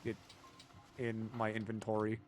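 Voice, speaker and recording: A man's voice: fairly low pitch, monotone, unhurried, soft background music. Rambling, joking man streaming a game. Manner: rambling, joking, swears often, swings from mumbling to loud bits. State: has a cold. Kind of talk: casual gaming stream chat.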